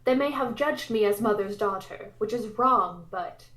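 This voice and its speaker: A woman's voice: medium pitch, moderate pace, fairly bright tone, natural voice. Woman acting an earnest young princess, echoey room. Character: young princess, earnest, indignant, cursed heroine. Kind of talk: dramatic read-aloud of a visual novel. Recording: roomy, echoey sound.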